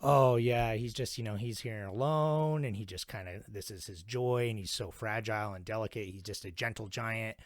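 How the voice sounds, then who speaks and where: A man's voice: lowish voice, moderate pace, few pauses, no room sound. Easygoing podcast guy, earnest, swears casually, dry mic. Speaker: podcast co-host. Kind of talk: casual film discussion.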